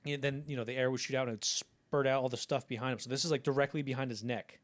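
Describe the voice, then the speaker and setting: A man co-hosting a casual film podcast, telling behind-the-scenes stories with animated asides and casual swearing. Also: medium pitch, fast. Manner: animated storyteller, acts out quotes, swears casually. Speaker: podcast co-host.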